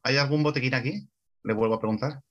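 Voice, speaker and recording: A man's voice: mid-range voice, fast talker, fairly bright tone, lo-fi sound. A man from playing a tabletop role-playing game, insistent and impatient in character. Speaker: player.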